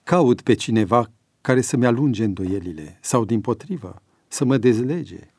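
A male narrator plays a thoughtful aging father who speaks low and reflective, sometimes slipping into a whisper. The sound is dry and close. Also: animated, darkish tone, dry recording.

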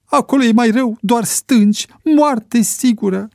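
A man's voice: expressive, darkish tone, slightly rough, no room sound, clean studio sound. A man doing a frantic, panicked bush pilot. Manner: frantic, high and strained, Spanish exclamations.

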